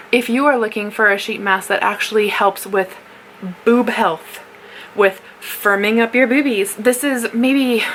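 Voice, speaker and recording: A woman's voice: mid-range voice, a bit bright, slight background noise, poor audio. A woman giving a casual solo product review in a candid, playful, sweary and rambling, tipsy manner.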